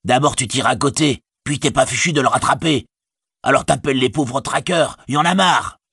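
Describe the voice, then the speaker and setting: A man's voice: mid-range voice, moderate pace, a bit bright, breathy edge, dry recording, clean studio sound, voice pushed up. A man voicing a whiny, sneering male orc tracker in an audiobook, his voice raised into a snarl.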